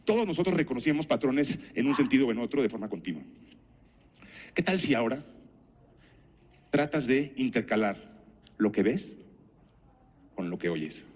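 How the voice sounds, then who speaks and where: A man's voice: mid-range voice, big pitch swings, normal speed, pauses often, a little mellow, a little hiss or hum. A man giving a conference talk, telling anecdotes and putting rhetorical questions to the audience. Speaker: speaker at a conference.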